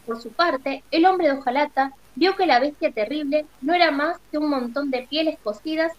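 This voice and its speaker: Argentine woman teacher, high voice, expressive storybook reader. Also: moderate pace, low-quality recording. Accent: Argentine Spanish. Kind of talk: reading a children's book aloud.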